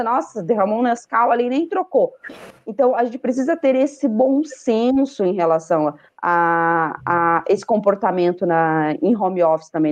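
A woman's voice: fairly high pitch, darkish tone, highs cut off. A woman professor making a conversational point and checking in with a colleague. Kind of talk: class discussion.

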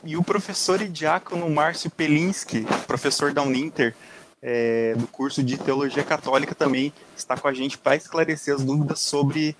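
A man's voice: a little high, normal speed. A man hosting a radio interview program, speaking in a formal announcer manner that sometimes stumbles into restarts. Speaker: host. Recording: noticeable background noise.

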